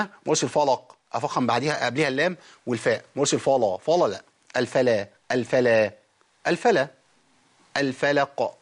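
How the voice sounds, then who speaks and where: Fast-talking Egyptian man teaching recitation. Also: mid-range voice. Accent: Egyptian Arabic. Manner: quick explanations, slow melodic recitation, corrects callers. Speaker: Quran recitation teacher, radio/TV host. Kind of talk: call-in recitation lesson.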